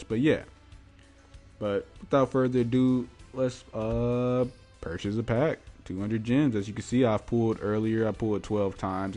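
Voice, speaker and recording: A man's voice: lowish voice, a little mellow. A man hosting his own gaming podcast, talking informally and colloquially in casual solo commentary. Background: music.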